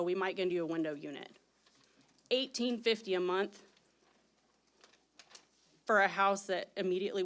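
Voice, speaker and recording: Emotional woman protesting at a meeting. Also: fairly low pitch. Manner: emotional, indignant. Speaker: resident giving public comment. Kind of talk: public comment at a meeting.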